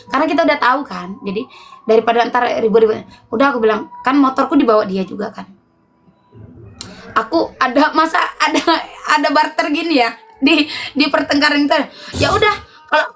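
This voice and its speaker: Animated high-voiced woman. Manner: animated, emotional retelling, often laughing. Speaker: livestream host. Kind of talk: casual live storytelling to viewers.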